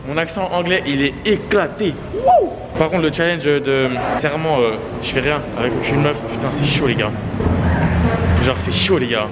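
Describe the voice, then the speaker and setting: A young man vlogging casually and excitedly, talking to his viewers in slang. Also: fairly high pitch, normal speed, loud music behind the voice. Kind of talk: casual vlog chat. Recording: loud street and traffic noise.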